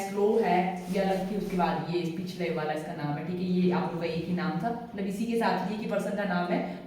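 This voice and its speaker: A woman teacher, giving a classroom lecture and repeating names slowly, with a steady "okay" after each point. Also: on the low side. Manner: repeats names slowly with memory tricks, frequent "theek hai". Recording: echoey classroom, far from mic.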